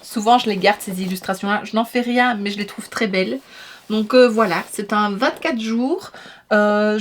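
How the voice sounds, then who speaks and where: A young woman, chatting casually and enthusiastically as she unboxes beauty products, with many fillers. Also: medium pitch. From Belgium. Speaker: beauty vlogger.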